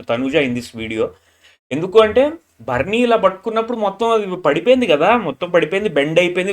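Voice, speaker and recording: A man giving a frank, opinionated review, mixing in English phrases. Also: a bit bright. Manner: frank, mixes English phrases, mimics people in low mocking voice. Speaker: show reviewer. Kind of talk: casual opinionated review monologue.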